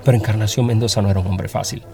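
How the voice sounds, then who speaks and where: Low gravelly male story narrator. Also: fairly even intonation, racing, warm tone, soft background music. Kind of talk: scripted story reading.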